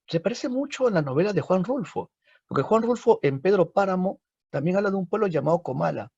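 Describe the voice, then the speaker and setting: A man putting on a brusque, dismissive book publisher who turns a writer away, in a husky, gravelly voice on a dull lo-fi recording. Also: high voice, lively intonation, brisk, a little mellow, dry recording, pitched above the performer's own voice, full character voice. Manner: curt, brushing off.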